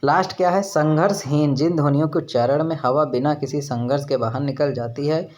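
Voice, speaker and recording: A male teacher giving an online exam-prep lesson on grammar. He explains slowly, sounds out syllables to demonstrate them, and keeps checking in with "right?". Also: a little high, darkish tone, slight background noise. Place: rented room with children shouting nearby.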